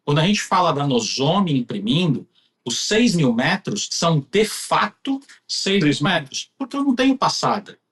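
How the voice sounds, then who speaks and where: A man's voice: on the high side, very animated, normal speed, a bit bright. A man with a Brazilian accent giving a conversational technical explanation as a specialist guest.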